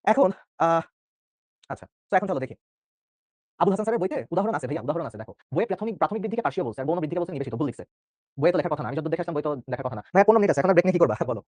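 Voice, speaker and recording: A young biology tutor from Bangladesh gives an online exam-prep lecture at a very rapid clip. His voice is high, expressive and a little mellow, recorded dry and close, and he jokes, chats and keeps checking in with his students.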